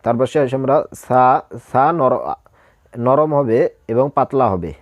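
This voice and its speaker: A man's voice: mid-range voice, a little slow, no room sound. A man teaching Quran reading, patiently spelling out and repeating each syllable. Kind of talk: slow spelling-out recitation lesson.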